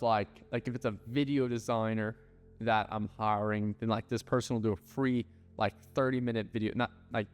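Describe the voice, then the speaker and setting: A man's voice: on the low side, darkish tone, clear, resonant tone. A man giving casual business advice, blunt and loose, with lots of filler words and the odd swear. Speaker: ad agency owner. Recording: hall reverb with faint music.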